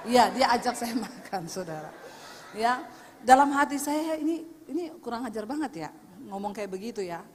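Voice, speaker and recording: A woman pastor preaching a lively sermon, telling stories and teasing her congregation. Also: a little high, normal speed, slight background noise. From Indonesia. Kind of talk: sermon with storytelling. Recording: long hall reverb.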